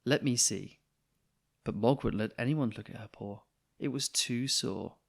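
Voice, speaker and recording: A man reads a children's picture book aloud, telling the story expressively. His voice is medium-pitched and creaky, at a normal speed.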